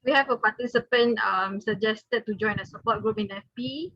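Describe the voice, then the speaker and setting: A woman's voice: a little high, moderate pace, no room sound, muffled recording. A woman politely moderating a workshop as its host.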